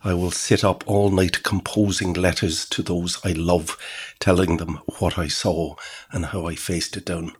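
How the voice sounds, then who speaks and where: A man's voice: low voice, little pitch movement, a little slow, slightly rough. A man reading a sardonic monologue aloud to a writing group, wry and swearing casually. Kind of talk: dramatic reading of his own monologue.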